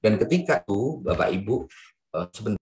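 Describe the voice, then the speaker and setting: Animated man preaching a sermon. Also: fairly quick. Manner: animated storytelling, addresses congregation directly; lively pitch swings, drops to soft quiet tones when quoting. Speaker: evangelist preacher.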